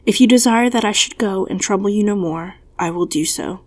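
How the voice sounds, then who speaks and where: A courtly young prince, lonely and earnest, as a woman reads him aloud. He pleads softly in a middle-pitched voice, in a storybook reading. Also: a little fast, lightly acted. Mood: earnest pleading.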